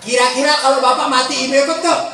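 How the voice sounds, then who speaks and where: A man preaching a sermon, shouting, teasing the crowd and calling on them to answer back. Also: extremely high pitch, fairly even intonation, very fast, background noise. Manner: teasing, joking with the audience. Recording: echoey hall, mic from far off.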